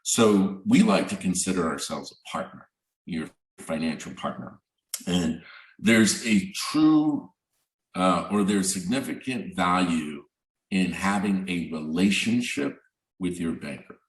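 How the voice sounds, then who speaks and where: A man's voice: low voice, a little slow. A man speaking as a bank representative on a virtual business panel, conversational and full of "um" and "you know". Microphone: video call. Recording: roomy, distant video-call audio.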